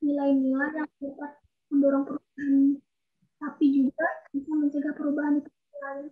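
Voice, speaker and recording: A woman's voice: sits high, monotone, fairly quick. A young woman student asking a polite, hesitant question in an online class, her voice breaking up over a bad connection. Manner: hesitant, polite, with many fillers. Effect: breaking up over a bad online call connection. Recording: dull, echoey online call audio.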